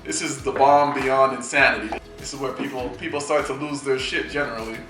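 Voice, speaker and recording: A man hosting a relaxed hot-wings chat, joking and laughing between bites. He sits back from the mic in a roomy, echoey space, with music playing clearly behind him. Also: mid-range voice, brisk, far from the mic. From Canada. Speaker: host. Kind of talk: casual chat.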